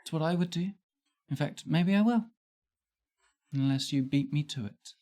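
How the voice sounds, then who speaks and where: A woman's voice: sits low, lively intonation, normal speed, dark tone. A woman voicing a bold, flirtatious madame with a put-on French accent, coaxing and teasing. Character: flirtatious worldly female brothel madame.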